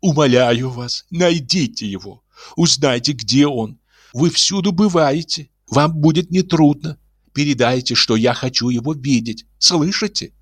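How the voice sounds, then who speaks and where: A man's voice: medium pitch, lively intonation, moderate pace, bright, forceful tone, husky, dry recording. A man voicing an anxious, emotional middle-aged woman fortune-teller who pleads breathlessly. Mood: anxious pleading.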